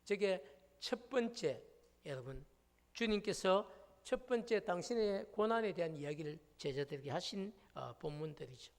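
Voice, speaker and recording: A man's voice: high voice, expressive, moderate pace. A male pastor preaching a sermon, emphatic and full of rhetorical questions to the congregation. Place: church sanctuary. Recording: long reverb of a church hall.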